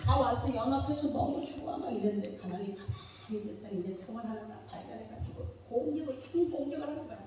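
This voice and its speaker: A middle-aged woman pastor preaching a sermon in a church hall, telling stories in an animated way with sudden loud bursts. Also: fairly high pitch, quick pace, hardly any pauses. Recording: echoey hall, distant mic, faint noise.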